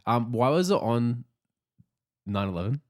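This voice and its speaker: A man's voice: mid-range voice, big pitch swings, measured pace, a little mellow. A young man co-hosting a casual sports podcast, offhand and hesitant. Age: young adult. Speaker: podcast co-host.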